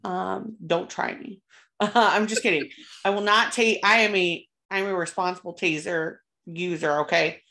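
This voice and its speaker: Gravelly-voiced chatty woman podcaster. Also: fairly low pitch, steady tone, unhurried, sharp tone. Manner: chatty, swears freely, many fillers. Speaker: podcast co-host. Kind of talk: casual horror podcast chat.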